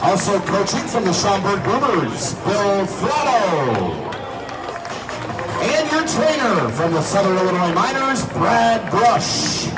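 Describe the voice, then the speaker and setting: Male ballpark announcer, high-pitched and lively, projected delivery of line-up introductions, loud music behind. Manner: projected, deliberate, drawn-out names. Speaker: stadium public address announcer. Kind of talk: ceremonial player introductions, announcing. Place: outdoor baseball stadium, heard over loudspeakers. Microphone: announcer's PA captured from the stands. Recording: distant echoey stadium PA, crowd, loud music. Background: crowd and loud music.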